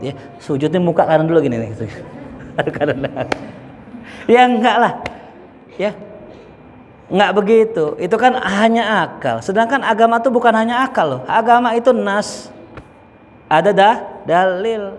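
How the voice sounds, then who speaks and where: Speaking at a normal speed in a high-pitched voice, a man preaches in a mosque with a joking, conversational lesson, performing examples as he talks. There's slight background noise and faint ambience in the reverberant hall.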